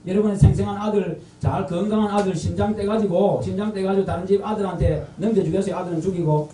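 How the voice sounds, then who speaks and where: A man's voice: sits high, fairly even intonation, fast, dark tone. A middle-aged man with a Gyeongsang accent preaching an evangelistic sermon, quizzing the congregation and repeating their answers. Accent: Gyeongsang Korean. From North Gyeongsang, Korea. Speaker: pastor. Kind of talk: evangelistic sermon with call-and-response. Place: large church sanctuary. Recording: echoey and distant from the mic.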